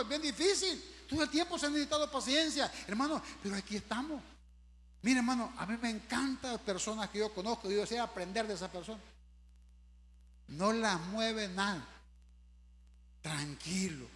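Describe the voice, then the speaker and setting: Man, very high bright tense voice, church hall reverb, faint hum. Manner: fervent preaching, rising loud on scripture, then quiet asides. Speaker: pastor. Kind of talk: sermon.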